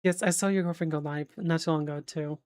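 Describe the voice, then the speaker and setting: A woman's voice: deep voice, steady tone, fast talker, a little mellow, no echo, studio quality. A woman streamer chatting casually, rambling with lots of fillers and the odd swear, checking facts aloud as she goes.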